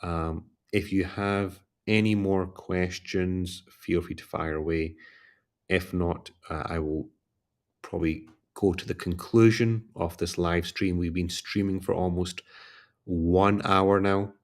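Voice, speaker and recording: A man hosting a casual livestream as a career coach, tired and yawning, talking in a relaxed, rambling way and repeating requests to like and subscribe. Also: deep voice, slow pace.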